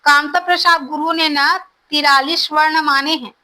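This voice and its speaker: Teaching Hindi grammar for exam preparation, a woman explains slowly, repeating definitions and using short "ठीक है" prompts to check understanding. Her voice sits high, steady, pushed and bright, captured on a rough recording.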